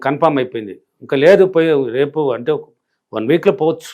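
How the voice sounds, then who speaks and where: Middle-aged village guy, spiritual teacher in an interview, hammers points over and over, talks fast and a bit high. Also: expressive, darkish tone. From rural India. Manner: emphatic and repetitive, driving points home. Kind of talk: interview answers.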